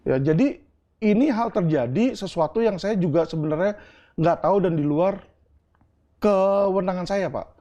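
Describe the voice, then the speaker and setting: A man's voice: high voice, expressive, moderate pace, mellow. A middle-aged man from Indonesia in an interview, answering earnestly and explaining with homely examples and asides like "right?". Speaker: interview guest.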